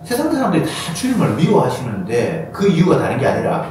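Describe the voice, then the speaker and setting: A man preaching a sermon as pastor, animated and acting out quoted voices with sudden high bursts. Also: a little fast. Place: church sanctuary. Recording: echoey church hall from far off, faint noise.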